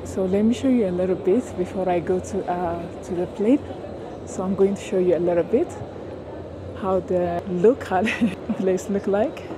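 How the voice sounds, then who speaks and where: Speaking at a moderate pace in a lowish voice, a young woman from Addis Ababa vlogs her travels in an Ethiopian accent, casually addressing viewers as "guys." She films herself at arm's length with a clip-on mic as airport crowds, tarmac and plane cabin noise fill the recording.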